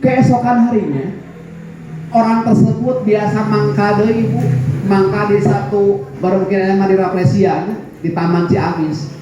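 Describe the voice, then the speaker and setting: A man's voice: high-pitched, steady tone, a little slow. A man with a Sundanese accent preaching a sermon to a women's gathering, telling stories and acting out the voices in them. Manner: storytelling, acts out quoted voices, jokes with audience. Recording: very echoey hall, dull lo-fi sound, faint noise.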